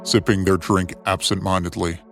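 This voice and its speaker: A narrator of a fiction series reads a scripted adventure story theatrically, building suspense. His voice is low-pitched and level at normal speed, with a music bed playing beneath it.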